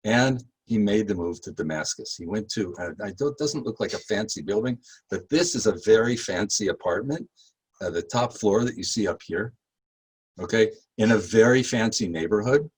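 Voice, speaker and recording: Husky-voiced man giving a rambling history talk. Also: fairly low pitch, lively intonation, low-quality recording. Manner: chatty, halting with many fillers, rises when emphatic. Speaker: tour guide.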